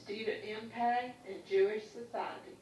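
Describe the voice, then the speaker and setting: A woman's voice: fairly high pitch, steady tone, a little slow. Woman's voice over a school intercom. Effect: school intercom loudspeaker. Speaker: school staff member making an announcement. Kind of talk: brief public address announcement. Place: classroom, heard through a wall speaker. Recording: echoey, distant loudspeaker in a noisy classroom.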